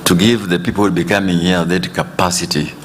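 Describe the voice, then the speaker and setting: A man in his sixties who grew up in Tanzania gives panel remarks in a very deep voice. He speaks in a measured way and chuckles between points. Faint ambient noise sits behind him. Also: fairly even intonation. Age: 60s. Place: conference hall.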